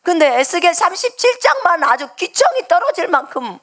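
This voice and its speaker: A woman's voice: extremely high pitch, very animated, normal speed, fairly bright tone. A woman from preaching a sermon at a church service, telling a personal testimony and speaking directly to the congregation. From Jeolla, South Korea. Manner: storytelling, addresses the congregation directly.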